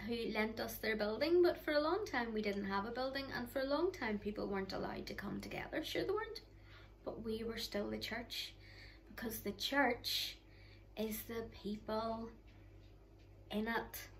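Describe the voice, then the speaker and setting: A middle-aged woman with a Northern Irish accent chats warmly to the children at home, her voice sitting fairly high. She talks straight into a close camera in her living room, with a faint hum of room sound behind her. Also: lively intonation, normal speed, rough recording. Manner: warm, chatty and encouraging, speaking to the children directly. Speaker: children's church leader. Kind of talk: online children's church talk.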